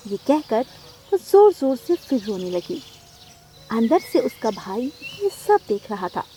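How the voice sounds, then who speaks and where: High-voiced woman narrating a kids' cartoon. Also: takes it slowly, slight background noise. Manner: steady storytelling. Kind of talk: children's story narration.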